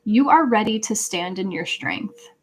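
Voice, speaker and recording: Speaking at an unhurried pace with lively intonation, this tarot reader leads a casual livestream card reading, earnestly guiding listeners and reading out messages. Her voice is mid-range, and the recording is rough.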